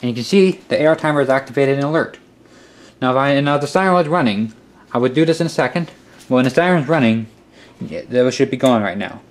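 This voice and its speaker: This is casual, hands-on tutorial narration from the host of a hobby electronics video, a man with a medium-pitched voice who talks fast and instructs step by step. Recorded on a handheld camera in a cluttered workshop or utility room, the clip has clicks and noticeable background noise.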